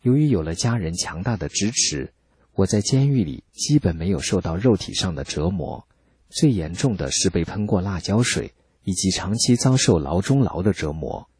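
A man calmly reading a first-person account as scripted narration, measured and steady. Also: deep voice, slightly rough, no echo. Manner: calm, measured storytelling.

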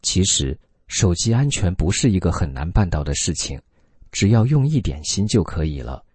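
A man's voice: deep voice, sing-song, moderate pace, a little mellow, husky, no echo. A man reading a scripted commentary in an earnest, admonishing tone, full of rhetorical questions.

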